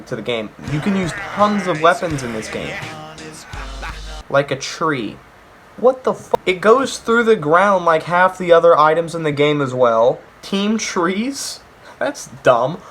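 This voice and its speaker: A young man reviewing a video game in a casual, comedic way. He is sarcastic and jokey, and he rants with mock outrage. His voice sits a touch high, with faint music underneath.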